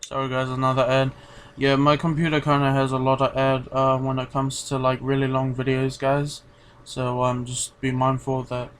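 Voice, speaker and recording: A man's voice: mid-range voice, completely flat delivery, normal speed, a little hiss or hum. Rambling young-sounding male reactor. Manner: rambling, filler-heavy, laid-back. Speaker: reaction video host. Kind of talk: casual commentary.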